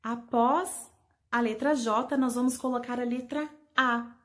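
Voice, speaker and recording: A patient preschool teacher speaking to small children, spelling out letters and syllables one by one. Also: female voice, a little high, fairly even intonation, unhurried, fairly bright tone. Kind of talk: slow remote lesson for young children.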